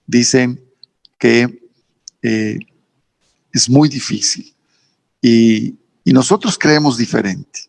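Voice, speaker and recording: A man with a northern Mexican accent, a pastor preaching a sermon, repeating phrases emphatically and rising in pitch on key words. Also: takes it slowly, vocal fry, pauses often, darkish tone. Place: church service streamed online.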